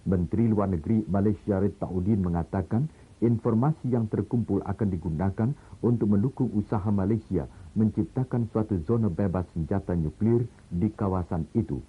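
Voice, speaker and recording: A man reading the news in a measured, formal way, heard through an old lo-fi broadcast recording like an old newsreel. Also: lowish voice, slightly rough. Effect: old lo-fi broadcast sound, like an old newsreel. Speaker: news anchor. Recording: tinny, narrow-band old broadcast recording.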